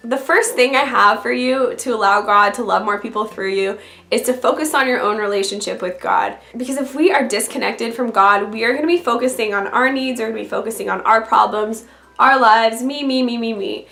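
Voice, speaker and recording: A woman with a voice raspy from being sick, talking directly and conversationally as a video blogger giving encouraging faith advice. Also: fairly high pitch, a little fast, pushed and bright. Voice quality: raspy from illness. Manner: direct, conversational address to the listener. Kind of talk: scripted-feeling encouraging faith vlog talk to camera. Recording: roomy, echoey sound.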